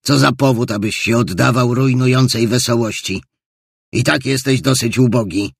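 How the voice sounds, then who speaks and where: A man's voice: medium pitch, moderate pace, gravelly, husky, dry recording, clean studio sound, voice pushed up. A man reading aloud and voicing a sour, scornful old miser who answers curtly and with indignation. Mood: scornful grumbling.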